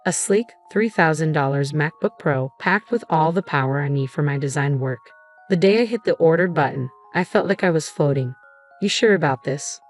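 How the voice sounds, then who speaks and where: A young adult woman narrating a dramatic first-person story in a steady storytelling manner. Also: sits low, moderate pace. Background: faint background music.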